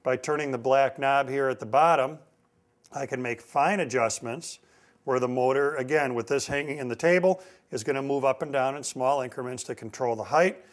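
A middle-aged American man, a woodworking instructor, gives a step-by-step demonstration in an indoor woodworking shop, repeating key points for emphasis. He speaks at a moderate pace with a medium-pitched voice, recorded on a lapel mic.

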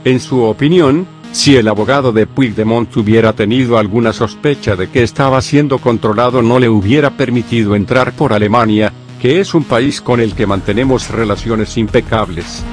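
A man reads a news script in an even, word-for-word delivery. His voice sits at a middle pitch. Faint music plays underneath the narration. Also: moderate pace, hardly any pauses. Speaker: news reader.

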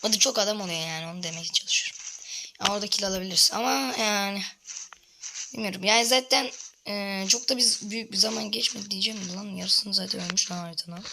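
A woman's voice: medium pitch, steady tone, fast, background noise. A woman giving casual commentary while playing a mobile shooter, grumbling and swearing in frustration. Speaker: gamer streaming a mobile battle royale.

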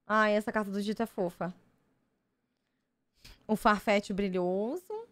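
A woman's voice: mid-range voice, a little slow, dry recording. A young woman streamer with a Brazilian Portuguese accent, chatting casually while opening cards and gushing over the art. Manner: gushing, easily excited exclamations. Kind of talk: casual card-opening chat.

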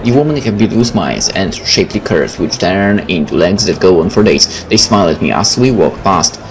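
With faint game music in the background, this gaming video host, a man whose native language is Polish, reads aloud and offers casual commentary. His voice sits low, his intonation is lively, and he talks a little fast.

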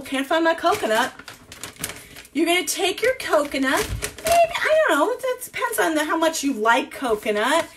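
A woman's voice: high-pitched, a bit bright, slight background noise. A woman in her forties teaching a live cooking class from her home kitchen, rambling and thinking aloud with lots of fillers.

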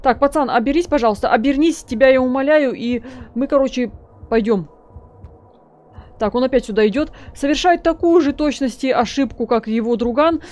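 A woman with a fairly high voice gives casual gameplay commentary. She is chatty and jokey, talking to her viewers and teasing the characters in the game. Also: fairly quick, darkish tone. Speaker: let's play host.

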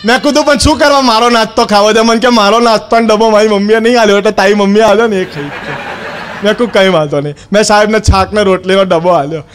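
A man performs a stand-up routine in the guise of a cheeky schoolboy, his voice sitting unusually high for a man. He tells the story with sly mischief, slipping into the voices of the people he quotes. A faint hum of background noise runs under the recording. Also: fairly even intonation, fast. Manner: cheeky storytelling, acting out the other people's lines. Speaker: stand-up comedian. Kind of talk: comic monologue in character as a schoolboy.

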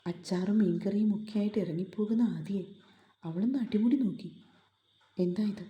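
A woman's voice: medium pitch, a little fast, roomy sound, dull audio. A woman reading a story aloud as narrator, reading every character in one plain voice.

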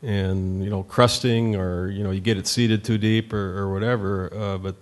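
A man's voice: lowish voice, fairly even intonation, normal speed. A middle-aged man from North Dakota, a farmer on a conference panel, talking in a plain, rambling way with many fillers. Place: conference meeting room at a podium.

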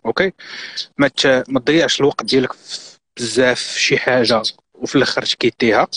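A man's voice: medium pitch, fairly even intonation, quick pace, a bit bright, breathy edge. A middle-aged man from Morocco with a Moroccan accent, a guest on a live stream, giving earnest, insistent advice and mixing in French and English words.

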